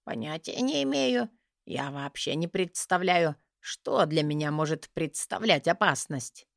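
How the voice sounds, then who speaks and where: A woman's voice: low-pitched, animated, a little slow, creaky, dry recording, studio quality, exaggerated voice. A woman voicing a fussy, theatrical male mage who grumbles and whines, in an audiobook reading. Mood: dismissive.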